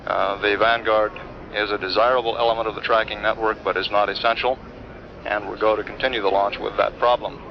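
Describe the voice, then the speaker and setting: Man, mission control briefing, radio transmission, low flat voice, muffled archival sound with faint hiss. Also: fairly quick, vocal fry. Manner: calm, matter-of-fact reporting. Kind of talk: live status briefing.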